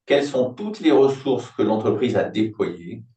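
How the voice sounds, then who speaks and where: A man's voice: mid-range voice, animated, a little slow, warm tone. Reflective man in his sixties, distant roomy mic. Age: 60s. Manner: reflective, explanatory, thinks aloud with homely examples. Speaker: business turnaround consultant, company founder. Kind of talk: conversational interview.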